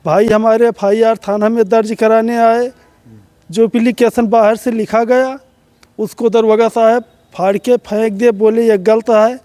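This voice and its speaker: A middle-aged man speaks in a high voice with a dark, mellow tone. He sounds tearful and pleading as he recounts his case. The recording is dry and close. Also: flat delivery, unhurried, no echo. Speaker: complainant.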